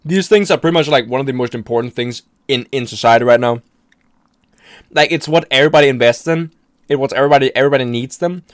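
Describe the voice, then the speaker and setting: A man's voice: mid-range voice, quick pace, dry recording. Profane rambling streamer man, dry sound. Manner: rambling, profane, restarts often, laughs at himself. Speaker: streamer reacting to a video. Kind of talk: casual reaction commentary.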